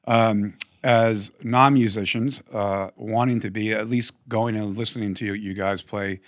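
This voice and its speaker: A man hosting a casual interview, enthusiastic and quick to affirm his guest. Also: lowish voice, fairly even intonation, dry recording, clean studio sound. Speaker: podcast host.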